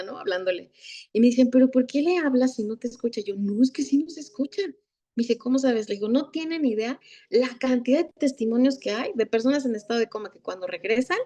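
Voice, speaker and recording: A woman's voice: a little high, darkish tone. A Mexican woman giving a masterclass as a thanatologist, telling stories and acting out the dialogue. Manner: acts out dialogue, tag questions. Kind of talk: storytelling lecture.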